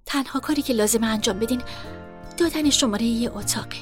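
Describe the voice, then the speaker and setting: A woman voicing a calm, persuasive young woman in a storybook reading, polite and coaxing. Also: on the high side, soft background music, lightly acted.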